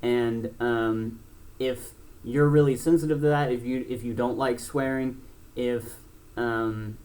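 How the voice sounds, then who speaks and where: A blunt young man in his twenties talks straight to camera as a gaming channel host. His delivery rambles, full of fillers and restarts, and he swears freely. His voice sits at an ordinary middle pitch for a man. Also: steady tone, slow, darkish tone. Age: 20s. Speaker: gaming YouTuber. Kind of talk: casual talk to camera.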